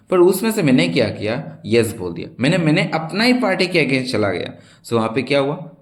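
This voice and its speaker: A young man teaching a political science exam-prep lesson, stretching out each quiz question as he reads it and then explaining quickly, often checking that his students follow. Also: mid-range voice. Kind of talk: exam-prep lesson in mixed Hindi and English.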